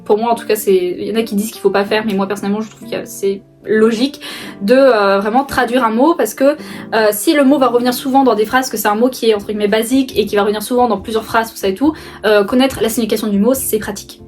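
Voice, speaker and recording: A woman's voice: on the high side, fairly even intonation, quick pace, a little mellow, faint music behind. A young woman casually chatting to camera in a vlog, rambling with lots of fillers and restarts, laughing often. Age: young adult. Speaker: book vlogger. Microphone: phone camera.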